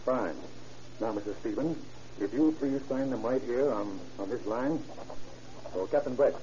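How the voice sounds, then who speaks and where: Radio crime serial: man playing American police chief, businesslike interrogator, deeply mellow tone, dull noisy vintage sound. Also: measured pace, lightly acted. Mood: firm, official. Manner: authoritative, methodical questioning. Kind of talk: old-time radio crime drama acting. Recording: muffled, noisy old radio recording.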